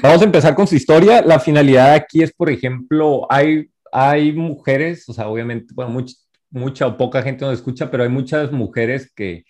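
A young Mexican man with a Tijuana accent hosts a relaxed podcast chat over a video call. He talks at an easy middle pitch, loose and chatty, with lots of fillers and slang. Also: normal speed. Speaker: podcast host.

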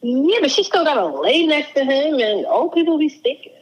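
A woman in her twenties co-hosting a podcast, frank and expressive in casual chat, often laughing. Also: high-pitched, normal speed, highs cut off, very noisy. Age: 20s.

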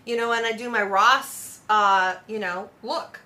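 A woman hosting a podcast, chatting in a brash, animated way and swearing freely. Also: a little high, unhurried, slight background noise. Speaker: podcast host. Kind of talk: casual chat.

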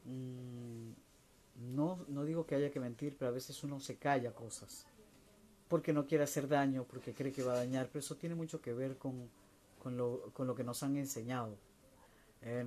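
A man with a mellow, darker voice speaks slowly and thoughtfully, often restarting and letting his sentences trail away quietly. There is a faint hiss of ambient noise behind him. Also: mid-range voice. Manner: slow, searching, with many restarts and soft trailing endings. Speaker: speaker answering viewer questions. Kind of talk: reflective spiritual talk.

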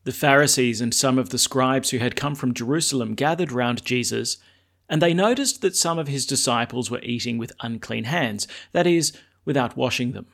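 A man speaking as a priest, reading scripture and preaching in a measured, solemn way. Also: medium pitch, vocal fry, fairly bright tone. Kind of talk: liturgical reading and homily.

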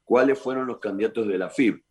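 Man, boxer's manager, very deep voice, defensive, repeats questions. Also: fairly quick. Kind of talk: heated radio argument.

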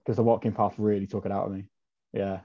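On dull lo-fi audio, a male podcast guest with a fairly low, dark voice talks fast and flatly. He spins a lengthy, rambling story in a chatty way, peppered with ums and self-corrections.

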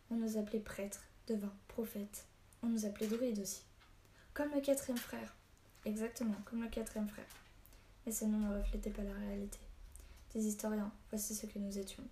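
A woman's voice: medium pitch, mellow, natural voice. A woman reading an audiobook, voicing an old male hermit who is a stern, short-tempered storyteller. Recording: echoey room, faint hiss.

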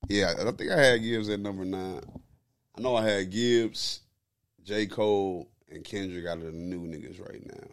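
Low-voiced man in slangy casual debate. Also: moderate pace, creaky, smooth, no room sound. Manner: slangy, profane, opinionated. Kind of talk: casual chat, ranking favorite rappers.

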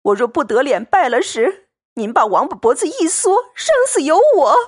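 A woman voicing a defiant young maid, sharp and scolding in an audiobook reading. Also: on the high side, sing-song, moderate pace, slightly rough. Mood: furious.

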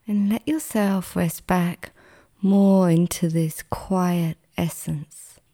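The speaker is a female meditation guide whose relaxation session resembles a sleep story narration. Gentle and soothing, her soft voice is lowish and at times breathy; intonation stays fairly even, and pauses run long.

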